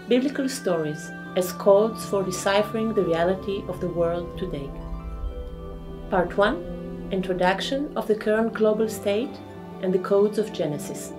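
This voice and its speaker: Woman reading out a lecture, measured teacherly delivery, normal pitch, soft music underneath. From Israel. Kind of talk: scripted lecture narration.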